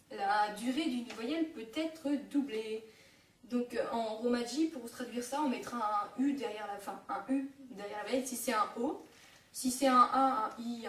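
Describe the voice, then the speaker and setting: Hesitant young woman, echoey far-off mic. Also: fairly high pitch. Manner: hesitant, many fillers and self-corrections. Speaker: online Japanese teacher. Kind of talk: casual home-made lesson. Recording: echoey room, mic at a distance.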